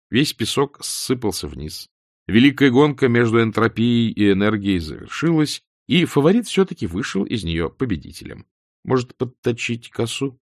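A man narrating an audiobook in a measured, dry, ironic manner. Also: low-pitched, dry recording. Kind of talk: scripted narration.

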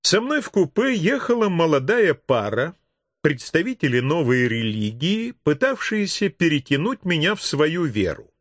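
A man reading an audiobook in an expressive, measured manner into a close studio mic. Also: on the high side, no echo. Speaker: audiobook narrator. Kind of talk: scripted audiobook narration.

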